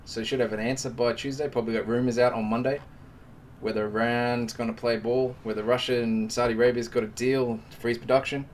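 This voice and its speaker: A man running a live trading stream, chatting casually and joking with his viewers as he goes through the market. His voice sits at an ordinary middle pitch. The mic is set back a little and picks up a faint background hiss. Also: flat delivery, brisk, distant mic.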